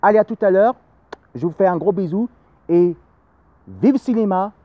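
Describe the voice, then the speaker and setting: A man's voice: high voice, lively intonation, moderate pace, no room sound, dull audio. A man giving a casual spoken film review, rambling and repeating himself with many fillers.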